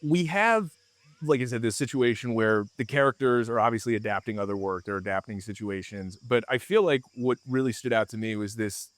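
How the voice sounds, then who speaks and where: A man's voice: medium pitch, brisk, dry recording. A man with a mid-range voice talks about film in a loose, rambling way. His questions wind on and double back on themselves. The sound is dry and close-miked. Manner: rambling, self-interrupting questions. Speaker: podcast co-host. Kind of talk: casual film discussion.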